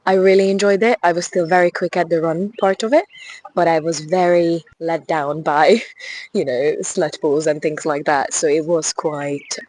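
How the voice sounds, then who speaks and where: On a casual walking vlog by a river, a young woman from Hungary who works as a fitness ambassador talks eagerly to camera in her Hungarian accent, laughing lightly and restarting now and then. Her voice is low-pitched and a little mellow, steady in tone and moderate in pace.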